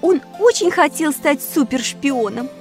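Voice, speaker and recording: A woman doing a shrill, flustered shape-shifter girl. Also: lively intonation, unhurried, music in the background. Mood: pleading.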